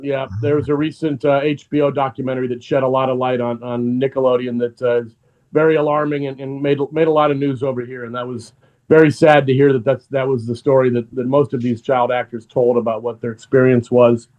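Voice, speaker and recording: Man, filmmaker guest; mid pitch, measured, earnest, frequent restarts. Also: flat delivery, highs cut off. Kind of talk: reflective interview answers.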